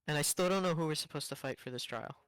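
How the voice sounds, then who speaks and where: Man, tabletop player, fairly high voice, dry close sound, hesitant, casual. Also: fast talker, a bit bright, smooth, no room sound, poor audio. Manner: hesitant, with fillers and restarts. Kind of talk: casual tabletop game chat.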